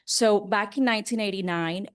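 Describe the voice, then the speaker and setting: Speaking with a clean tone at medium pitch and a moderate pace, a woman who is a broadcast journalist tells personal stories as an interview guest. Her delivery is conversational and earnest, and she emphasizes key words in this casual exchange.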